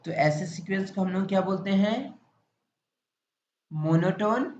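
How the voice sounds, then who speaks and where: A man with an Indian accent lectures a maths class, his voice sitting fairly high. He repeats points and fires questions at the students, then answers them himself. The sound is roomy and echoey, a little muffled, with faint background noise. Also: a little mellow. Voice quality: repetitive, drawn-out explanatory delivery. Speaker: maths teacher.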